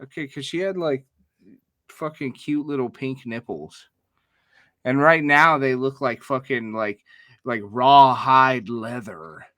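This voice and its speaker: A man's voice: mid-range voice, slow, fairly bright tone, no room sound. A man in his thirties co-hosting a podcast, talking in a crude, joking way and swearing a lot. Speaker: podcast co-host. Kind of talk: casual crude chat.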